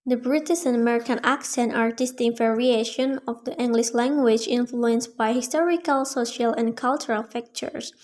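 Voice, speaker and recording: A young woman student giving a prepared class presentation, reading in a careful, measured way with small slips. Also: a little high, fairly even intonation, a little mellow. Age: young adult.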